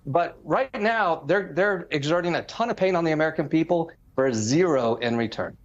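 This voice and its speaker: A man's voice: fairly high pitch, moderate pace, lo-fi sound. A man who is a former congressman, speaking emphatically as a political commentator on a discussion panel. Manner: emphatic, explanatory, lists figures.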